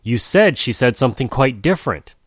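A man's voice: mid-range voice, big pitch swings, brisk, husky, no room sound, clean studio sound, pitched above the performer's own voice. A man voicing a confused young male jaguar who complains in a flustered, fussy way.

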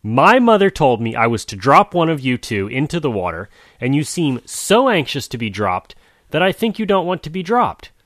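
A man's voice: on the high side, sing-song, normal speed, fairly bright tone, dry recording, clean studio sound, voice pushed up. A man voicing a confused young male jaguar who complains in a flustered, fussy way.

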